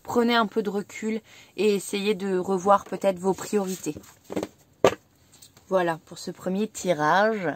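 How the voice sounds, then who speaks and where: A woman reading tarot cards for her viewers, in a gentle, reassuring way that repeats key advice. French is her first language. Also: medium pitch, steady tone, a little slow, pauses often, heavy background noise. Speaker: tarot reader.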